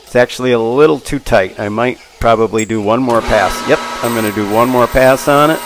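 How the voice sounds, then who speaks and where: Talking fairly quickly at a medium pitch, this machinist and channel host, a man in his sixties, walks through his shop work in a relaxed, down-to-earth manner. The indoor machine shop around him is full of clearly audible machine and power-tool noise.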